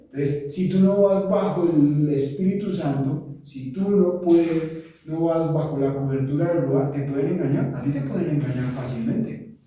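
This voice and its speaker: A man preaching and teaching a Bible lesson, slow and emphatic, listing words one by one. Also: on the high side, warm tone. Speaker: pastor. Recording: echoey room from far off.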